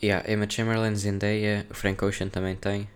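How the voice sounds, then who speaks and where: A man's voice: on the low side, little pitch movement, moderate pace, clear, resonant tone. A young man with a European Portuguese accent chatting casually on a solo podcast, rambling and slangy as he thinks aloud. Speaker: podcast host.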